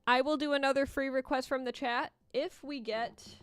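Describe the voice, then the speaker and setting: Clear, high-voiced woman chatting on a livestream. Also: fairly even intonation, normal speed, no echo. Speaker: livestream host and Etch A Sketch artist. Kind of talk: casual livestream chat and running commentary to viewers.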